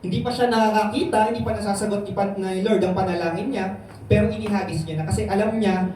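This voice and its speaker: A man preaching, reading a verse and then retelling it in casual Taglish, and raising his pitch to act out the voices in the story. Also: fairly even intonation, fast talker, a little mellow, slight background noise. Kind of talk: sermon reading and explaining scripture. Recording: very echoey room, voice from some distance.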